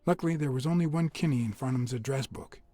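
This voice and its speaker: A man's voice: medium pitch, fast, dark tone, no echo, natural voice. An actor playing a hardboiled male detective in a video game, narrating his thoughts in a dry, wry way.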